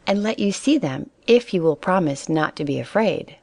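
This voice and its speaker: A woman voicing a patient, tired mother rabbit who explains things gently in a storybook reading. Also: on the low side, expressive, normal speed, no room sound. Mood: reassuring.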